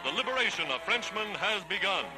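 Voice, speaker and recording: A man narrating an old 1940s wartime newsreel, his voice pitched high and delivered in a stirring, declamatory sweep. He pushes each line with triumphant emphasis over a loud bed of music. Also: big pitch swings, fairly quick, rough recording.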